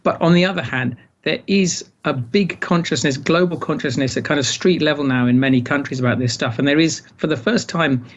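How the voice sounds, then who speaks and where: A man's voice: on the high side, a little fast, few pauses, slight background noise. A man giving explanatory interview answers as an expert guest, hesitating and repeating words as he thinks. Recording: dull, band-limited sound.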